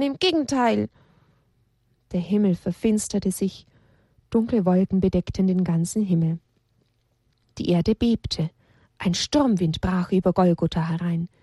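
A woman narrates a children's story in a slow, expressive way. Her voice is fairly high and a little husky. The recording is dry and close. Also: no room sound.

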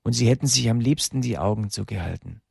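A man narrating a story slowly and emotively, with dramatic pauses. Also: mid-range voice, gravelly, slightly rough, no room sound, clean studio sound.

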